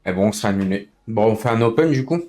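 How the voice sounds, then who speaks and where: A man's voice: fairly low pitch, expressive, fast talker, a little mellow. Fed-up man streaming, faint music behind. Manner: fed-up, complaining, repeats himself; slangy, informal. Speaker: livestreamer running an online racing league. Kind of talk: casual live stream chat with other players.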